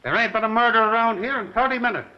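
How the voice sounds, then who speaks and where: A man's voice: very high-pitched, fast. An actor playing a grumbling, teasing, world-weary wise guy in a 1930s film, talking in slang. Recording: dull, hissy vintage film soundtrack.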